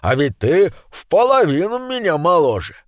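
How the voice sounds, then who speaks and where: A man's voice: a little high, very animated, moderate pace, no room sound, clean studio sound, pitched above the performer's own voice. A man voicing a sly, teasing old uncle who drawls his remarks. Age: older.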